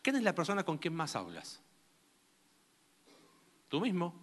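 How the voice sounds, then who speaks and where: Man, high voice, preaching, rhetorical questions, casual tone. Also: wildly swooping pitch, a little slow. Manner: conversational, asks the listeners many rhetorical questions. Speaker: pastor. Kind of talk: sermon.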